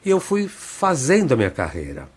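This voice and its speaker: Older husky-voiced Brazilian man reminiscing. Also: mid-range voice, huge pitch swings. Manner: unhurried reminiscing, frequent tag questions. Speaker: theatre director, interview guest. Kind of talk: reflective storytelling in a radio interview. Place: radio studio.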